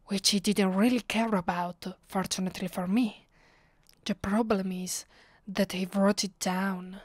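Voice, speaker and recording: In an intimate ASMR roleplay, a woman with an Italian accent plays a bitter, possessive, centuries-old vampire aristocrat. Her mid-range voice is soft, slow, dramatic and imperious, often dropping into a breathy whisper. There is no room sound.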